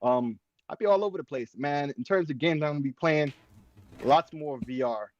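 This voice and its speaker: A man appearing as a guest on a gaming podcast, chatting in an animated, playful way. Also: on the high side, moderate pace, highs cut off. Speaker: guest streamer. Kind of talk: casual chat.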